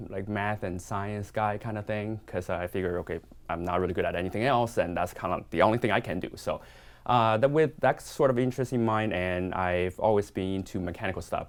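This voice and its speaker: Hesitant man, low voice. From Hong Kong. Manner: hesitant, many fillers and restarts, modest. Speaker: watch collector guest. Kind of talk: casual interview.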